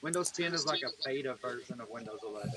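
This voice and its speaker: A man's voice: medium pitch, lively intonation, normal speed, a loud crowd. Man sounding muffled, like inside a barrel. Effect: muffled and hollow, as if inside a barrel. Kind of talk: casual chat over a voice call.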